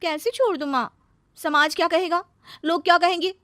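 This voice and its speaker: A woman's voice: very high-pitched, fairly even intonation, moderate pace, a bit bright, no room sound, studio quality, voice pushed up. A woman voicing a restless, emotional young married woman in a cartoon story. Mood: distressed.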